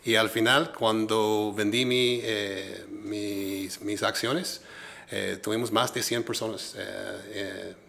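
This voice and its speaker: Speaking Spanish as a second language, this middle-aged Minnesotan entrepreneur with an American English accent hesitates through an interview, filling gaps often. He talks slowly in a low, steady, creaky voice with a fairly bright tone.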